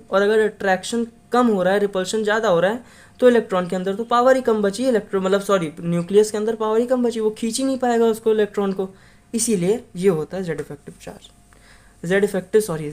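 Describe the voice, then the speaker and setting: A woman teaching exam prep at a quick clip, talking casually and often checking in with listeners. Her pitch sits in the middle, and she corrects herself on the fly. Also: darkish tone. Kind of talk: casual explanatory lesson.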